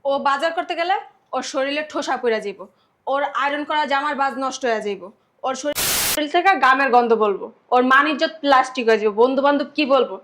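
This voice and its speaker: A woman's voice: high-pitched, quick pace, a bit bright, a little hiss or hum. A woman playing a young wife who sarcastically complains about her husband's brother. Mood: sarcastic. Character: sharp-tongued young wife of the elder brother. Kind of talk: family drama acting.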